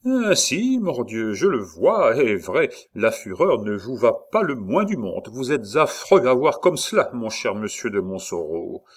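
A man's voice: medium pitch, sing-song, measured pace, few pauses. A man voicing a mocking, nonchalant young nobleman about to fight a duel, speaking with airy irony. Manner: teasing, ironic, airy.

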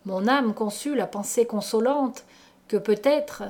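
Slow, measured woman reading a tale. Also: fairly high pitch, a little mellow. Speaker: audiobook reader. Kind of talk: literary audiobook narration.

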